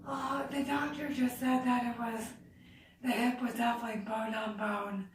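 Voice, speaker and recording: A woman's voice: a little high, steady tone, moderate pace. A woman chatting casually and adding short details as a partner in the conversation. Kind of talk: casual chat. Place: indoors, away from the mic. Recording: very echoey room, distant mic.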